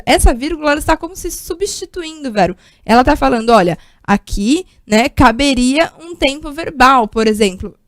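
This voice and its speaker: High-voiced Brazilian woman teaching grammar. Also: no room sound, studio quality. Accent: Brazilian Portuguese. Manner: explanatory, checks in with frequent "né?" and "tá?". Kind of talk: recorded online grammar lesson.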